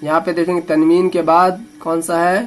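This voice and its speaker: A man teaching Quran reading, slowly spelling out syllables letter by letter and then explaining the rules in quicker asides, with an Indian Urdu-Hindi accent. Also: fairly high pitch, little pitch movement, slight background noise. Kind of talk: slow letter-by-letter recitation lesson.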